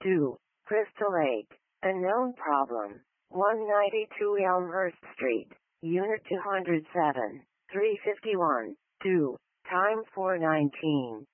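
Female dispatch announcer, slow and formulaic, clipped phrase by phrase, on dry narrowband scanner audio. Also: lowish voice, animated, no room sound. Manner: formulaic, each detail read in separate short phrases. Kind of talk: scripted radio dispatch announcement.

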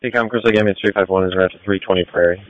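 A man's voice: low-pitched, fairly even intonation, racing, no echo. A male ambulance crew member giving status reports and messages over a two-way radio. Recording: dry, slightly muffled radio audio.

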